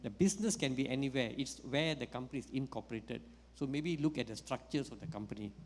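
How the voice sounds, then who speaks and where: A man's voice: mid-range voice, quick pace, a little mellow. A man answering a question on a panel, explaining step by step with frequent hesitations. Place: conference hall. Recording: long reverb in a conference hall.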